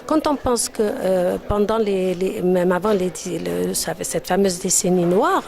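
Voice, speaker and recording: A woman's voice: on the low side, a little slow, gravelly, darkish tone. A woman from Algeria, giving testimony as an interview guest in an emphatic, insistent manner. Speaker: interview guest, former university teacher.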